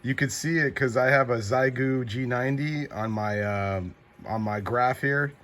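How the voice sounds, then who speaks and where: Unhurried and fairly bright in tone, this mid-range male voice belongs to a CB radio operator and channel host. He keeps things informal with short calls, acknowledgements, and repeated call signs during casual radio contacts.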